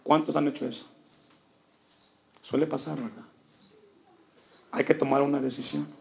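A man's voice: medium pitch, steady tone, normal speed, gravelly, darkish tone, a little hiss or hum. A man preaching a sermon, asking the congregation rhetorical questions and building his emphasis. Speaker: pastor.

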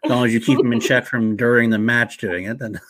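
A man's voice: medium pitch, fairly even intonation, fast, a bit bright. A man hosting a casual chat, asking rambling joking questions. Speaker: host.

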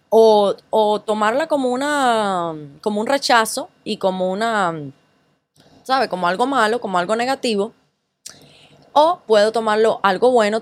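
A woman with a Cuban accent, a guest in a casual interview, telling her story lively and mixing English words into her Spanish. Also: mid-range voice, dry recording. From Cuba.

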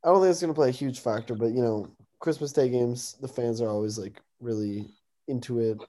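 A man's voice: mid-range voice, a little fast, dark tone. A young American man co-hosting a sports talk, casually giving predictions on games.

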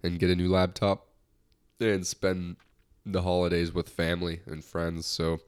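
A young man from the US hosts a casual podcast on his own, lighthearted and rambling with lots of restarts. His voice is deep and smooth, measured in pace and completely flat in delivery, and a recent cold has left it slightly nasal.

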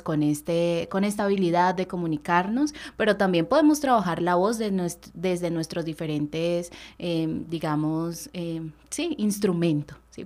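Thoughtful woman hosting a podcast. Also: lowish voice. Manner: thoughtful, searching for words with many fillers. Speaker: podcast co-host. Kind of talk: casual podcast chat.

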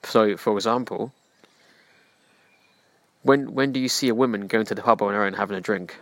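A man's voice: lowish voice, moderate pace, fairly bright tone, dry recording. A man hosting a self-help podcast, speaking earnestly and preachily in direct address to the listener. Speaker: podcast host.

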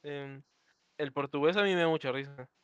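A man's voice: fairly high pitch, moderate pace, a bit bright, clear, resonant tone, no echo, dull audio. A man co-hosting a podcast, rambling casually and often restarting his sentences. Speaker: podcast co-host. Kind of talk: casual chat.

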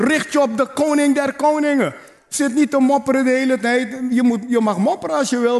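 Preaching to a congregation, a pastor with a high voice, pitched well above most men's, hammers home his points through repetition. He calls out to his listeners and slips in playful asides.

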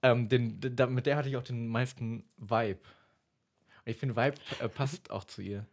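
A man's voice: medium pitch, fairly even intonation, moderate pace. A young man co-hosting a casual podcast, talking about his favorite songs with frequent fillers and laughs. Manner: laughs often, hesitant with many fillers. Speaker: podcast co-host.

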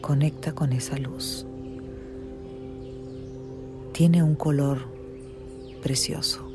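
A soothing guided meditation narrator speaks at a very slow pace, as in a sleep story. The voice is hushed and medium in pitch, with long pauses between short phrases. Music plays clearly behind the words. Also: fairly even intonation.

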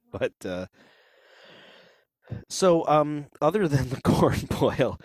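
A man's voice: fairly high pitch, very animated, extremely slow, darkish tone. A man hosting a casual chat, laughing often and acting out the voices he quotes.

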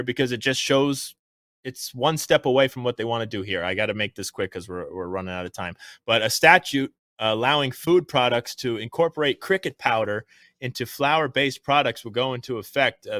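A man's voice: mid-range voice, a bit bright, no echo. Guy hosting a political comedy news show, punchy and jokey, opinionated, dry close sound. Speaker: show host.

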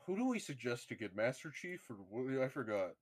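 Jokey man with a lively voice. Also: medium pitch, brisk, husky, no room sound. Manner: asks questions, jokey. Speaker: podcast co-host. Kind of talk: casual podcast chat.

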